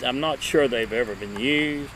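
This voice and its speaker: A medium-pitched man in his fifties, a vintage radio collector who hosts videos, gives a casual show-and-tell at an outdoor table in a wooded yard. He halts and lingers over his words. The camera sits a few feet away, and steady outdoor noise runs underneath.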